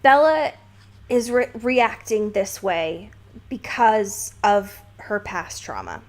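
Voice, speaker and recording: With a medium pitch, wide swings in intonation and an unhurried pace, a woman co-hosting a podcast breaks down a book casually and analytically. She phrases things emphatically, with a bit of swearing.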